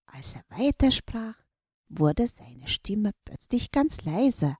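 Woman storyteller for a children's book; slow, animated, dry close recording. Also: medium pitch, husky, no room sound. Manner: slow, lively storybook narration.

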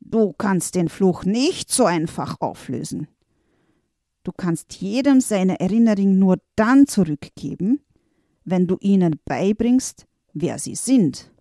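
A woman voicing a sinister, dark-clad male wizard in a children's storybook, gloating and menacing. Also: sits high, lively intonation, slow, vocal fry, no room sound, clean studio sound, exaggerated voice.

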